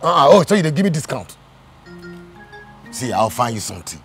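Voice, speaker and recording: A Nigerian man plays a jittery married man in a comedy skit, full of dramatic outbursts and wide swings in pitch. He pleads and wheedles in a Nigerian accent while loud music plays behind him. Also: big pitch swings, brisk. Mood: haggling.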